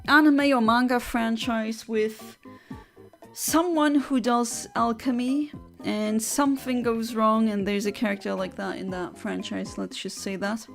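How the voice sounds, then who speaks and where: A woman's voice: fairly high pitch, steady tone, unhurried, creaky, faint music behind. Chatty woman on a livestream headset. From Luxembourg. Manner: chatty, giggly, rambling with restarts. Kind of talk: casual chat reading out viewer comments.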